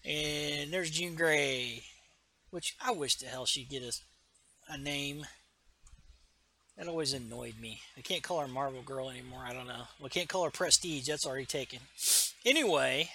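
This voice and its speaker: A man's voice: medium pitch, normal speed, pushed and bright. A man co-hosting a casual podcast chat, animatedly retelling a comic book scene and acting out its characters. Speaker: podcast co-host.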